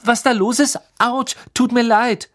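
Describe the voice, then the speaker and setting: A man's voice: extremely high pitch, fairly even intonation, unhurried, fairly bright tone, voice pushed up. A man voicing a stammering, panicky teenage boy in an audiobook, stuttering and breathless. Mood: flustered.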